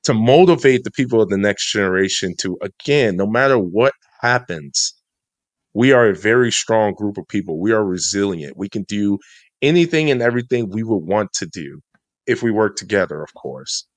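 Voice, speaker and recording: Male podcast co-host, very deep voice, emphatic and motivational, dry close sound. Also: expressive, moderate pace, no room sound. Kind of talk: casual podcast discussion. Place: studio.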